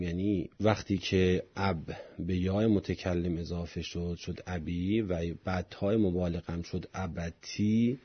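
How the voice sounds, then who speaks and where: A man teaching a grammar lesson on Quranic Arabic, explaining each point in small steps with a husky voice. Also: on the low side, muffled recording. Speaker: religious studies teacher.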